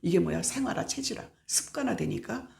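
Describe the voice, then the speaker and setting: Preaching at a prayer meeting, this middle-aged pastor has a medium-pitched, gravelly, slightly mellow voice that is animated and a little fast. She drives her points home by repeating words and dramatizing everyday conversations.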